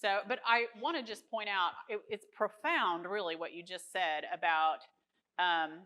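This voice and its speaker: A woman's voice: on the low side, measured pace, bright, forceful tone, poor audio. A woman hosting a discussion on caregiving, reflective and summarizing what the guest says. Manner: reflective, summarizes and clarifies points. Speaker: host. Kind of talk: casual panel discussion.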